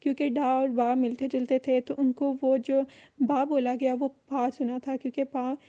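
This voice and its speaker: High, even-toned woman lecturing. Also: normal speed, muffled recording. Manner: explains in mixed Urdu and English, repeats key phrases. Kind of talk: recorded online lecture.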